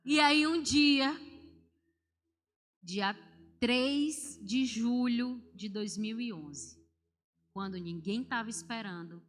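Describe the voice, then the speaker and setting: A woman's voice: on the high side, slow, pauses often. Woman testifying in a reverberant church. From Brazil. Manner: animated, confiding storytelling that speaks straight to the congregation. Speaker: church member giving testimony. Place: large church sanctuary during a service. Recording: long church reverb, music underneath. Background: instrumental worship music.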